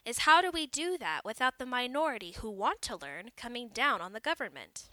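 A woman reading a story aloud, voicing a smug, condescending female government advisor who lectures slowly and pointedly. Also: on the high side, sing-song, bright, forceful tone, no room sound, voice pushed up, rough recording. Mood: probing.

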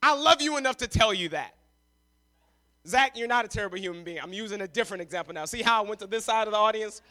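Male preacher, very high and bright, dramatic storyteller who ramps up to shouting. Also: lively intonation, fast. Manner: dramatic retelling, acts out voices; preaches with rising intensity and shouts. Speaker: pastor. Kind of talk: sermon.

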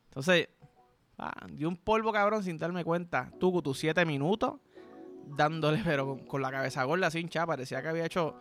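A man's voice: a little high, fairly quick, a bit bright, faint music behind. A man with a Puerto Rican accent hosting a podcast, telling crude, playful stories in a rambling, slang-heavy comedic monologue. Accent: Puerto Rican Spanish. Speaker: podcast host.

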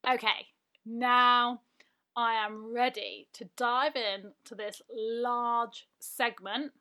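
A woman's voice: a little high, fairly even intonation, extremely slow, pushed and bright. A young woman hosting a casual podcast, chatty and self-mocking, often laughing as she reads listener emails. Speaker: podcast host.

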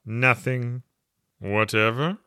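A man voicing a pompous, blustering storybook king who speaks slowly and gravely, humming and clearing his throat. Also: mid-range voice, noisy background, pitched above the performer's own voice, close to an everyday voice.

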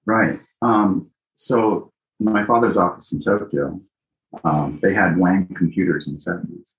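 A man who is a guest on a podcast, answering in a thoughtful, unhurried way with frequent ums. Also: sits low, fairly even intonation, dull audio. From born in Greece, raised in Japan and Italy. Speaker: architect and company founder, guest. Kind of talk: casual interview.

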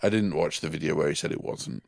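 Deep deadpan man. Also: fast, vocal fry, no echo. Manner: dry, deadpan complaints. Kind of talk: casual chat.

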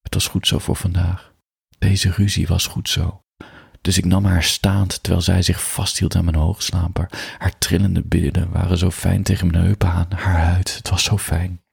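A young man reading a first-person story aloud, in a blunt, introspective and deliberate way. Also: sits low, little pitch movement, gravelly, darkish tone, husky, no room sound, clean studio sound. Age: young adult. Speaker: narrator.

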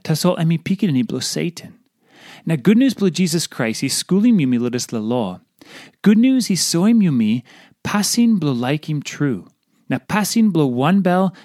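Guy w papua new guinea accent reading a devotional, deliberate short phrases, really dry close sound. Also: mid-range voice, a little mellow, dry recording. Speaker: devotional reader. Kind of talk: scripted audio devotional, preaching in short phrases.

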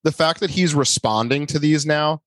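Guy on a podcast rambling, lots of likes, slightly high voice, dry close mic. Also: normal speed, a bit bright, no room sound. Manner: rambling, full of "like" and restarts. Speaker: podcast co-host. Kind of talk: casual podcast chat.

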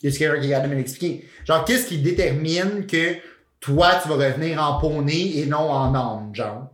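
A man's voice: on the high side, moderate pace, fairly bright tone, roomy sound. A man with a Québécois French accent, co-hosting a casual podcast chat and thinking aloud with lots of fillers. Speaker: podcast co-host.

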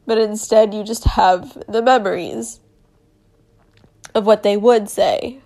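A young woman speaking in an emotional personal monologue, halting with many fillers and laughing through tears. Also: medium pitch, steady tone, mellow.

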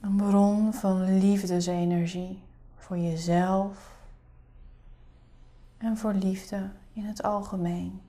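A woman leading a guided meditation in a soft, breathy, soothing half-whisper. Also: mid-range voice, flat delivery, slow.

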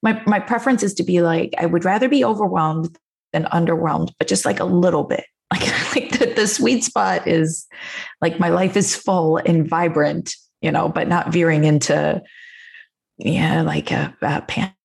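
A woman's voice: on the low side, moderate pace, vocal fry. A woman in casual, giggly, hesitant conversation, recorded on an echoey mic in a hard-walled room. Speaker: podcast co-host. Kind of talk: casual chat. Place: indoor room with hard bare walls.

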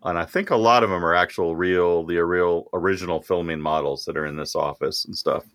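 A deep-voiced man talks on a casual podcast, relaxed and quick to laugh. He is recorded close, with a dry sound. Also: no room sound. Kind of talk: casual chat.

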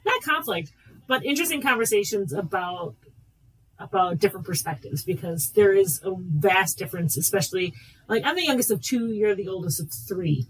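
A woman's voice: mid-range voice, expressive, moderate pace, breathy edge. Woman speaking from a distance. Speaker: podcast co-host. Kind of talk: casual chat.

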